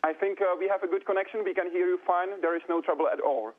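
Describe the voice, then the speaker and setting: A man at mission control talking over a radio link to a crewed spacecraft, using quick, formal call phrasing. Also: high voice. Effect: radio link from the ground. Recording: muffled lo-fi radio line.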